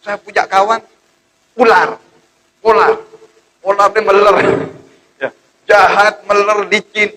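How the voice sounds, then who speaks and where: A man's voice: high-pitched, flat delivery, a little slow, pauses often, pushed and bright, pitched above the performer's own voice, poor audio. A man voicing a sly male peacock who coaxes a friend into a plot. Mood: scheming.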